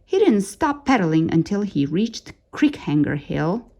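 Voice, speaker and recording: A woman reads a children's picture book aloud slowly and with great animation, giving it a dramatic, suspenseful delivery in which key words are drawn out.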